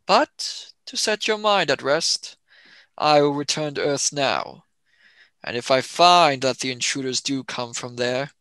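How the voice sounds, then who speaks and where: A man playing an arrogant, scheming politician who speaks in a smooth, commanding and self-assured way. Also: medium pitch, bright, forceful tone, no room sound, poor audio.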